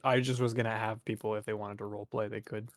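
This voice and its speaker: A man working as game master, narrating a tabletop game in a halting, informal, improvised way. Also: fairly low pitch, level tone, dry recording.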